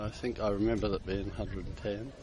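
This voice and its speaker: A man's voice: lowish voice, fairly even intonation, a little fast, a crowd in the background. An older man, seventies or above, chatting casually as he answers an interviewer. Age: 70s or older. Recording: noisy outdoor airfield, engines around.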